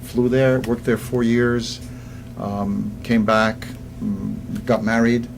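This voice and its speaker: A man in his sixties from Egypt, a guest business coach in a casual interview, telling stories with lively restarts and repeated words. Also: medium pitch, slow, gravelly, noisy background. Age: 60s. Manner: animated storyteller who repeats words when starting sentences.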